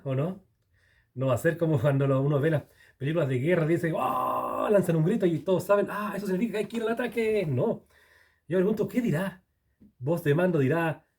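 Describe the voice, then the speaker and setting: A preacher with a medium-pitched, dark-toned voice teaches a Bible passage verse by verse. He chats with his listeners, puts questions to them, and frequently corrects himself.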